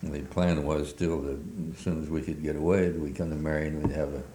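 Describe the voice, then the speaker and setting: With a steady tone and a profoundly deep, mellow voice, an elderly man tells stories from his past for an oral history interview. His halting speech is full of hesitations, and the recording sounds roomy and echoey.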